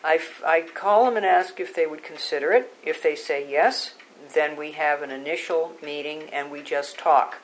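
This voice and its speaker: An older woman with a low voice gives an oral history interview. She recollects in measured, halting phrases. There is noticeable noise behind her. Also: poor audio.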